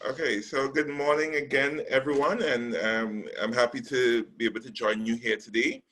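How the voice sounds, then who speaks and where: Speaking over a call microphone, a recruitment specialist from Trinidad and Tobago delivers a measured webinar presentation full of ums and pauses. His pitch is medium and his tone steady and slightly bright, though the recording is rough.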